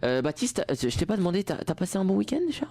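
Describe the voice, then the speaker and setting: A man's voice: high voice, very animated, very fast, creaky, mellow, no room sound, clean studio sound. Chatty young man hosting campus radio. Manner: rambling, many restarts and fillers. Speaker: radio host. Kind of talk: casual radio chat. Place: radio studio. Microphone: studio microphone.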